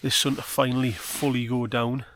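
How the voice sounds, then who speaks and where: A man's voice: medium pitch, little pitch movement, moderate pace, a bit bright. A man chatting casually to camera as a solo camping vlogger outdoors, often half muttering to himself as he works. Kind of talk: casual outdoor vlog chat. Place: outdoors on a freezing hilltop at night. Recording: noisy outdoor handheld camera recording.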